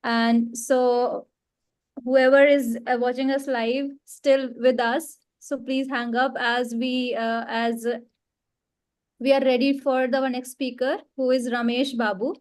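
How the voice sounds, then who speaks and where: Higher-voiced woman hosting a video call. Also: flat delivery. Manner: halting, frequent fillers. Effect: heard over a video call. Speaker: host. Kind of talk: hosting a webinar.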